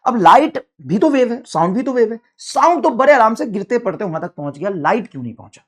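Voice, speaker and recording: A man teaching physics to a class, explaining step by step and slowing down to dictate key phrases in English. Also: sits high, very animated. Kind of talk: classroom lecture with student questions.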